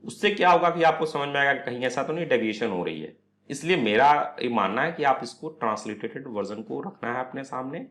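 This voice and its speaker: A man's voice: mid-range voice, fairly bright tone. A man teaching an online astrology class, explaining step by step, posing questions and answering them himself, mixing English words into his Hindi.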